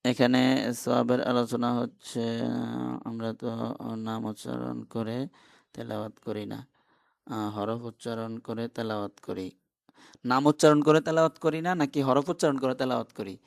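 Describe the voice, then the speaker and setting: A man's voice: medium pitch, moderate pace, creaky, long pauses. A man teaching an online class, who explains step by step and keeps asking his students questions.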